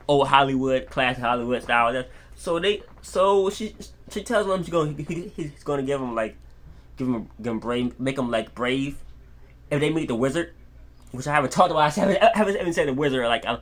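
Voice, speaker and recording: Excitable and rambling, a man with a voice on the high side reviews a film casually and off the cuff, often repeating his words as he retells scenes.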